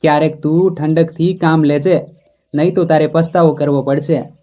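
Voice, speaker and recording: A man voicing a caring middle-aged mother who talks gently and coaxingly. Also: fairly high pitch, fairly even intonation, normal speed, highs cut off, natural voice. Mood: soothing.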